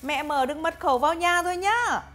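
Woman as a sly country mother-in-law, high, fast and lively. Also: faint music behind. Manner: chatty, coaxing, then scolding. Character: scheming rural mother-in-law, older woman. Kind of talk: dubbed drama voice acting.

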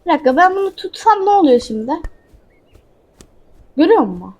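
A woman's voice: very high voice, sing-song, fairly quick, darkish tone. A woman hosting a gaming channel, chatting casually to her viewers as she plays and talking back to a character in the game. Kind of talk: casual let's-play commentary.

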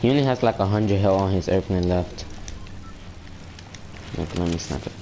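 A young man recording gameplay for his video channel, chatting casually with a friend, excitable and full of slangy trash talk and swearing. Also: deep voice, moderate pace, background noise. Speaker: gameplay YouTuber.

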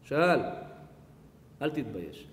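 A man voicing a patient, soft-spoken elderly sage who talks slowly and kindly, in an echoey hall. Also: mid-range voice, big pitch swings, slight background noise, pitched below the performer's own voice, natural voice. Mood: reassuring. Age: older. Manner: soft, slow, chanting.

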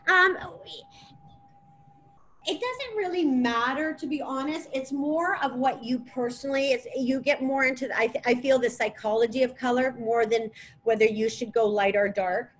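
A middle-aged woman with a high voice presents an informal webinar as a colour analysis stylist, explaining things haltingly over a video call from a laptop or tablet. She's indoors in a clothing boutique, with faint music and clearly audible background noise.

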